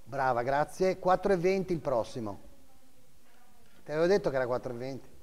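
A man's voice: mid-range voice, lively intonation, fairly quick. Middle-aged male auctioneer in a reverberant hall. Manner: repeats figures and bid increments in short clipped phrases. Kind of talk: live auction calling of bids and lot numbers. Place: auction house room, seated behind a desk, indoors.

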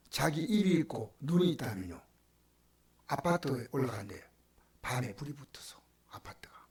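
An older man with a Gyeongsang Korean accent preaching a sermon as pastor, swinging from loud exclamations to hushed whispers. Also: mid-range voice, reverberant. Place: church sanctuary.

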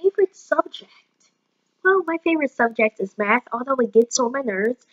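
A nineteen-year-old vlogger with a high, expressive voice chats at normal speed in a casual home video, bubbly and breaking into sung phrases. She's recorded on a webcam in a small room, and the sound is lo-fi.

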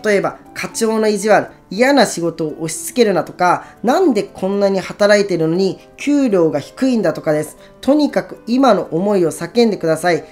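A woman narrating a book summary in a calm, instructive, even reading voice. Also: mid-range voice, normal speed, few pauses, faint music behind. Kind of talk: scripted narration.

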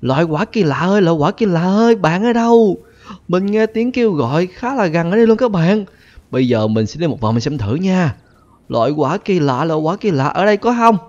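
A man's voice: high-pitched, sing-song, a little fast, a little mellow, highs cut off. A man giving chatty gameplay commentary, constantly addressing his viewers. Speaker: gaming YouTuber.

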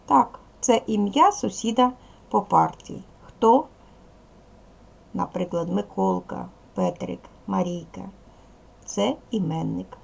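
A woman with a Ukrainian accent, a primary school teacher giving a recorded lesson to young children in slow, clear instructions. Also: mid-range voice, a little mellow.

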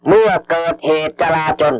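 A man slowly dictating official government orders over radio, formal and measured, repeating each phrase and reading out the punctuation. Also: a little hiss or hum. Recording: dull lo-fi archival radio broadcast.

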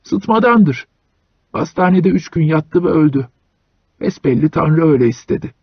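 A man voicing a grieving old sledge driver who speaks meekly in a strained, hoarse voice. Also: fairly high pitch, animated, moderate pace, no room sound, muffled recording. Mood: sorrowful. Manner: meek, mumbling.

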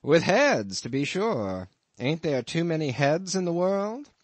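A man's voice: on the high side, very animated, unhurried, no echo, voice pushed up. A man voicing a folksy, wry male innkeeper who teases in a drawling rustic dialect. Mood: teasing.

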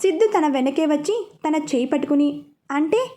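Woman storyteller, high pitch, steady scripted narration. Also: normal speed.

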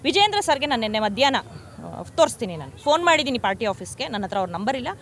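A woman's voice: fairly high pitch, very animated, rapid-fire, fairly bright tone, a little hiss or hum. A woman from Karnataka, speaking at a press conference and making fierce, repetitive accusations. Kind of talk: angry press statement.

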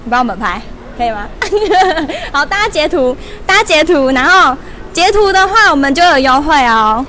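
A woman in her twenties hosting a lively livestream shopping promo in a mall store, chatty and laughing often. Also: sits high, normal speed, a little hiss or hum. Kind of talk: lively live-stream product promo. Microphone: wired lapel mic held in hand.

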